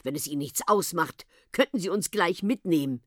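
A woman's voice: on the low side, normal speed, dry recording, studio quality, lightly acted. A woman voicing a stubborn, sensible uncle in a storybook reading, arguing his point. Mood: contrary. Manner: argumentative and reasoning.

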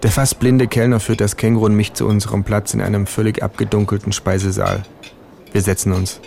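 A man narrating a first-person comic audiobook in a dry, deadpan way. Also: on the low side, fairly quick, creaky, slight background noise.

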